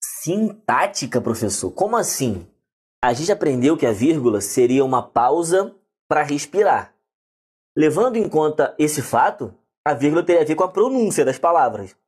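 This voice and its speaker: A Brazilian man teaching a lively online grammar lesson, talking straight to the viewers. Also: medium pitch, breathy edge. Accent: Brazilian Portuguese. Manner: lively, addresses viewers directly.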